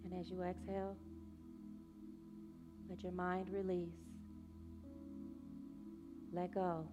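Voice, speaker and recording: Soft-spoken woman leading a guided prayer. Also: on the low side, level tone, lo-fi sound. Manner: slow, soothing, gentle. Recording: music playing behind the voice.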